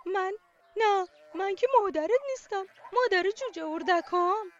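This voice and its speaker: A storybook mother duck, put on by a woman. She quacks loud and indignant in a high voice. The recording is a bit lo-fi.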